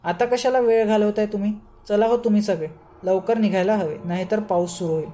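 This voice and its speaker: A woman's voice: mid-range voice, fairly even intonation, fairly quick, dark tone, a little hiss or hum, close to an everyday voice. A woman voicing an arrogant impostor holy man who is really a demon, boastful and commanding.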